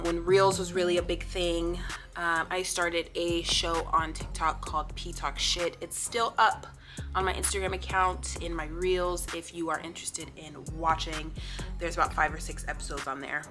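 A woman in her late twenties from the Pacific Northwest of the USA vlogs a casual story-time chat to camera. Her voice is lowish and bright, with a forceful tone, and she comes across as sassy, playful and blunt.

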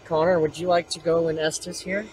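Husky, higher-pitched man hunting ghosts. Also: flat delivery, moderate pace, low-quality recording. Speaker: ghost-hunting vlog host. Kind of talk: paranormal investigation, addressing spirits with questions. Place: outdoors in a cemetery at night.

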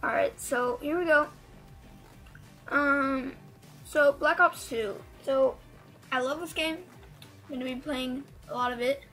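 High-pitched woman talking with braces. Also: slow pace, pauses often, bright, forceful tone, faint music behind. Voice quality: slurred speech from wearing braces. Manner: rambling, hesitant. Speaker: gaming video creator. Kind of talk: casual gameplay commentary.

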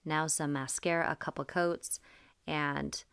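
A woman's voice: low voice, measured pace, gravelly, smooth. A woman in her thirties casually talking through her makeup steps as she applies them, recorded on a phone inside a car. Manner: relaxed step-by-step explaining while applying makeup. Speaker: makeup vlogger. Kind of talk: casual makeup tutorial narration. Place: inside a parked car, daylight. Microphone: phone camera close up.

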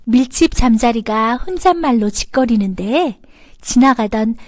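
A woman's voice: on the high side, animated, measured pace, a little mellow, no echo, clean studio sound. A woman storyteller reading a scripted children's story as narrator. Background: background music.

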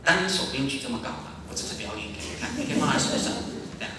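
Lively monk lecturing in an echoey hall. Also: male voice, medium pitch, rapid-fire. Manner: lively and demonstrative, acting out examples. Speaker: Buddhist monastic teacher. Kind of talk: Dharma lecture to a live audience. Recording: very echoey hall, distant, faint noise.

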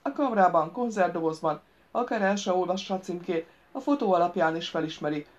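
A woman's voice: fairly low pitch, expressive, dull audio, close to an everyday voice. Woman doing a bumbling, joking grown man.

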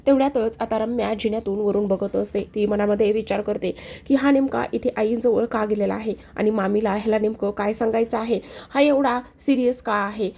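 A woman's voice: medium pitch, fairly quick, mellow, breathy edge. A woman casually retelling a TV serial episode, talking straight to her viewers. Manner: chatty, addresses viewers directly. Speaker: TV serial recap narrator.

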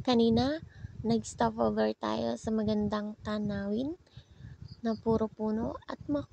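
A woman's voice: fairly high pitch, creaky, dark tone, highs cut off, a little hiss or hum. A woman from Bicol narrating her vlog in a chatty, playful, self-mocking way. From Bicol, Philippines. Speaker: vlogger. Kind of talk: casual vlog voice-over narration.

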